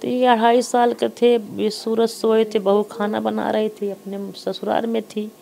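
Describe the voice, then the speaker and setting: A woman's voice: medium pitch, flat delivery, unhurried, gravelly, dark tone. A middle-aged woman, earnestly retelling a family story in heavy dialect, repeating herself. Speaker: interviewee, mother. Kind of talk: emotional personal storytelling.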